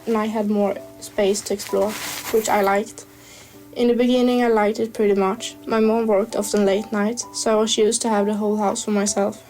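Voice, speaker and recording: A woman's voice: fairly high pitch, warm tone, low-quality recording. A woman reading a first-person horror story aloud, carefully, with small stumbles and restarts.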